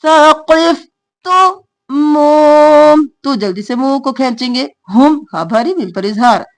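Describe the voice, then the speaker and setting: A woman teaching Quran recitation with tajweed, slowly drawing out each recited word and then explaining the rules in quick spoken asides. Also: a little high, lively intonation, a little mellow.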